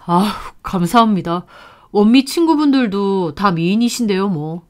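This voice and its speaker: A woman's voice: medium pitch, lively intonation, unhurried, natural voice. A woman doing a polite young fiancé.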